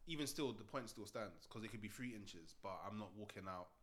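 A man's voice: fairly low pitch, brisk, a bit bright. A young man with a London roadman accent bantering casually in slang, often repeating himself for emphasis. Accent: London roadman (urban London slang accent).

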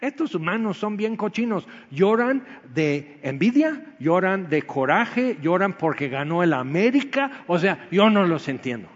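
A man preaching a sermon with a higher-pitched voice, jumping from loud bursts to low quiet asides. The sound is muffled and dull. His voice rings with a long reverb, as in a large hall. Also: unhurried, hardly any pauses. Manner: animated, swings between loud exclamations and low quiet asides. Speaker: pastor.

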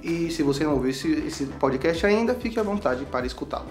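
A man, a podcast co-host asking questions in a halting, inquisitive way. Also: on the high side, lively intonation, soft background music.

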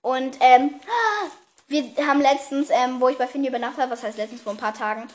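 A teenage girl chatting casually as podcast host, giggly and teasing, talking fast. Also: high voice, little pitch movement, darkish tone. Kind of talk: casual chat.

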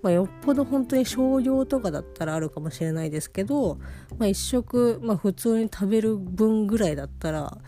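A woman hosting a personal audio diary chats casually and sleepily while lying down, rambling in a monologue. Her mid-range voice is mellow yet animated and brisk, and plucked guitar music plays in the background.

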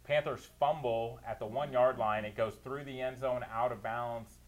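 A man's voice: mid-range voice, fairly even intonation, moderate pace. Man, sports analyst, detailed recaps, opinionated, ordinary mid-range voice. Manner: detailed play-by-play recaps, opinionated, laughs easily.

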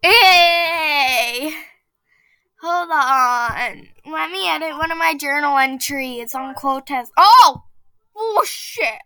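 A woman hosting a casual podcast and reading a spooky story aloud. She is chatty and excitable, and she often breaks into giggles. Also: high voice, extremely slow, dry recording. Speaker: podcast host.

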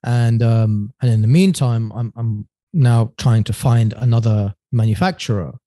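A man speaking as a podcast guest. He tells his story in a loose, rambling way and acts out past phone calls. His voice is mellow and warm, mid-pitched, and recorded dry and close. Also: steady tone, measured pace, no echo. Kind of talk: casual storytelling interview.

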